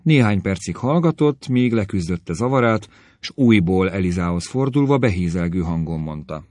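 Low-voiced man reading a novel aloud. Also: lively intonation, a little mellow, dry recording, clean studio sound. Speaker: audiobook narrator. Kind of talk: scripted literary narration.

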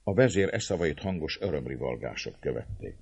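A man narrating a historical novel in measured, expressive storytelling. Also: extremely low pitch, breathy edge, no room sound. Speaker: audiobook narrator. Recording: dull lo-fi, dry sound.

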